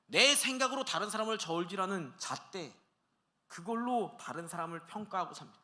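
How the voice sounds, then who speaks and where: Lively high-voiced male pastor preaching. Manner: animated preaching, acts out everyday dialogue. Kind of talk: sermon. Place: church sanctuary.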